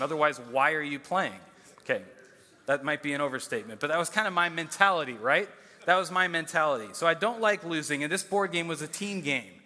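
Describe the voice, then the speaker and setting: A male pastor in his thirties preaching a sermon, with a fairly high, bright and forceful voice. He tells his story with animated, self-mocking energy, and the long reverb of a church hall trails after his words.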